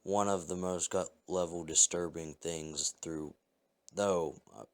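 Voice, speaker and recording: A man reading first-person scary stories aloud as a narrator, in a calm, measured way. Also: low voice. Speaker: story narrator. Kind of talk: scripted horror story reading.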